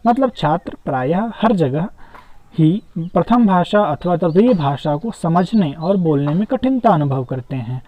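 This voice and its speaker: A man's voice: a little high, lively intonation, unhurried. A man teaching an exam-prep lesson, reading each question aloud and then explaining it to viewers he calls friends. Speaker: teacher solving an exam paper. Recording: dull, dry, lo-fi recording.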